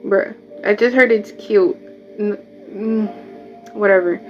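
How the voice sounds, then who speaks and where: This tarot reader is a native Spanish speaker from Mexico whose accent is Mexican Spanish, and she talks slowly in a mid-range voice. She chats her way through a live reading, wandering off into asides. Faint music sits under the dull, lo-fi recording.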